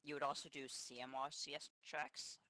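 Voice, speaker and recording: A man's voice: on the high side, little pitch movement, normal speed, pushed and bright, no room sound, studio quality. A man chatting casually and technically as flight director in a simulation, tentative and rambling.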